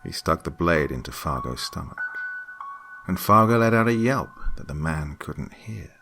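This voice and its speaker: A man narrating a scripted horror story in a hushed, creeping manner. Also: low voice, animated, normal speed, vocal fry. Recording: music bed behind the voice.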